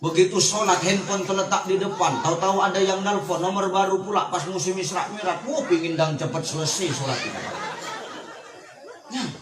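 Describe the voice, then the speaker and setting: A man's voice: high voice, brisk, noisy background. A man preaching a humorous sermon, telling stories animatedly and acting out voices. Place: religious gathering with a laughing audience. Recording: echoey PA sound from far off, crowd laughing.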